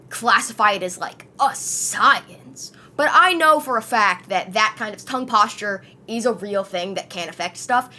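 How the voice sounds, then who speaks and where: A woman's voice: mid-range voice, bright, forceful tone. A young adult woman streamer with a slight lisp, chatting casually with her viewers in a rambling way, full of fillers and swearing.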